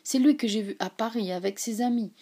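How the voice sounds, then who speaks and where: A woman's voice: on the high side, very slow, slightly rough, in a whisper, exaggerated voice. A woman reading aloud, voicing a despairing German officer who breaks into anguished cries. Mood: sorrowful. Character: anguished German officer, man, middle-aged.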